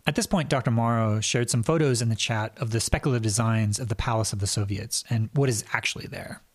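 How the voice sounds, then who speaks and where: A man's voice: on the low side, fast, no room sound, clean studio sound. A man interviewing a virtual world creator, asking questions in a thoughtful, appreciative way.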